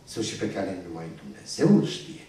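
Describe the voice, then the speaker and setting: A man's voice: low-pitched, big pitch swings, mellow. A man preaching a sermon, teaching by asking his congregation questions and answering them himself. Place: church hall. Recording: echoey church room, distant mic.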